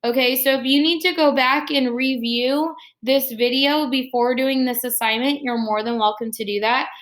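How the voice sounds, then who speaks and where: A woman's high, slightly bright voice stays steady at a normal speed. She teaches young students in a read-aloud lesson, explaining the story step by step.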